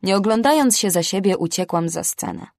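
A woman reading a first-person audiobook in a frank, expressive way. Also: mid-range voice, fairly quick, creaky, no echo, studio quality. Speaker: narrator.

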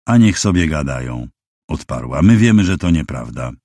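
A man doing a hushed, anxious young wife. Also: rumbling low, big pitch swings, normal speed, no echo, clean studio sound, voice pushed down, full character voice. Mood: quiet, resigned. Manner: quiet, hushed.

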